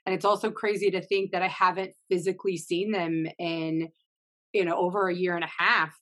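A woman hosts a casual interview with a voice a little low in pitch. She asks her questions conversationally and pads them with easy fillers and hedges. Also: steady tone, fairly quick, a bit bright.

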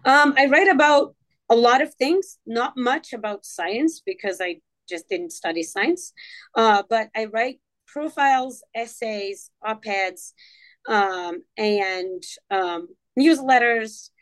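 A woman's voice: fairly high pitch, takes it slowly, a bit bright. A woman from Morocco whose first language is Tamazight, speaking English as a podcast guest, with many fillers and restarts. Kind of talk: casual interview talk.

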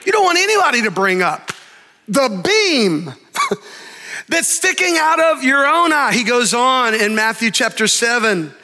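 A pastor preaching in a big sanctuary, his voice very high and bright, ringing out with a long hall reverb. He preaches in an animated way, slowing down for emphasis and acting out the voices in his stories. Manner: animated preaching, dramatic pauses, acts out story voices. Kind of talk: sermon.

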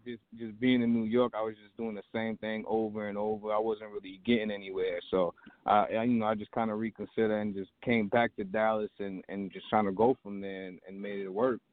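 Relaxed man on a tinny phone line. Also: on the low side, fairly quick, dry recording. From Trinidad. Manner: relaxed, rambling with many fillers. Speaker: barbershop owner, guest. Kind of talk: casual interview chat.

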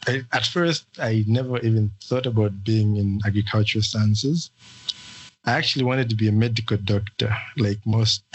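A young man from Zambia, a guest in an interview, talking in a relaxed, hesitant way with many fillers. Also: on the low side, moderate pace, slightly rough, lo-fi sound. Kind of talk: casual interview talk.

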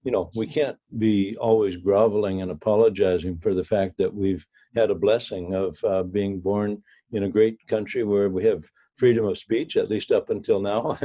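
Low mellow man, halting guest. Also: highs cut off. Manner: rambling, halting, with many fillers. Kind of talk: political talk show.

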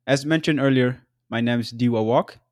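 A man in his twenties from South Sudan, hosting his own podcast in an earnest, measured solo narration with occasional fillers. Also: mid-range voice, darkish tone, dry recording, clean studio sound. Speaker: podcast host.

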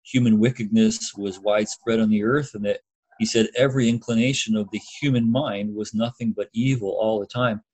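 A man's voice: on the low side, fairly even intonation, a little fast, darkish tone, breathy edge, poor audio. A middle-aged man co-hosting a podcast in a casual, slightly hesitant way, as if thinking aloud. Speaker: podcast co-host. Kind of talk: casual chat.

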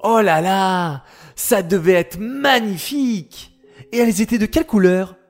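A man voicing an eager, curious young boy who asks excited questions in a children's story. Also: high-pitched, a little slow, faint music behind.

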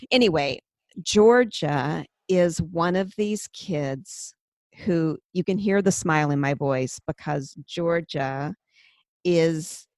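A woman's voice: deep voice, no echo. A woman co-hosting a podcast in casual chat, telling a story and laughing easily. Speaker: podcast co-host.

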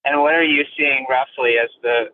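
A man calling in from his car on a speakerphone while driving, asking questions with many halting restarts. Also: medium pitch, fairly even intonation. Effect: car speakerphone call while driving. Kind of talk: casual question to a host. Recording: tinny phone-line call with faint noise.

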